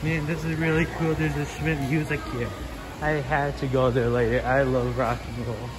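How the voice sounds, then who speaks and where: A man's voice: medium pitch, level tone, normal speed. A nineteen-year-old man giving a casual, rambling walking tour of a shopping mall, talking into a phone as he walks. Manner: rambling, easygoing, many fillers. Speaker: vlogger touring a mall. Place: large indoor shopping mall. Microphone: phone camera held while walking. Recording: loud background noise.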